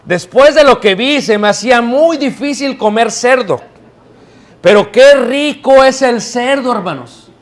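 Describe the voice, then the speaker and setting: Preacher guy, high voice, storytelling sermon, keeps asking the church questions. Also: a little slow. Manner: lively storytelling, calls out questions to the congregation. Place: church, before a live congregation.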